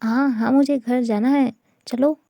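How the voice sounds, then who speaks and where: A woman voicing a sleepy, childish young woman who whines and stammers, with a gravelly, dark tone. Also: sits high, steady tone, a little slow, no echo. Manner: whiny and stammering.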